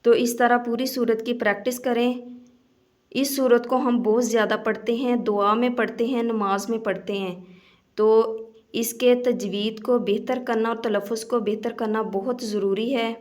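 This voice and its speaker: Brief: female tajweed teacher, slightly high voice, drawn-out recitation and quick explanations. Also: fairly even intonation, darkish tone. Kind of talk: tajweed lesson with slow recitation.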